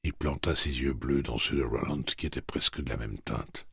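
Deep raspy guy narrating a book, steady pace, dead dry mic. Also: moderate pace, no echo. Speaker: audiobook narrator. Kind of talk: scripted narration.

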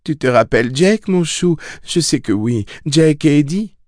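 A man voicing a grieving young woman who speaks softly and turns bitter, in an audiobook reading. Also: expressive, a little slow, dry recording, studio quality. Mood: coaxing tender. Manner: soft-spoken, raised pitch.

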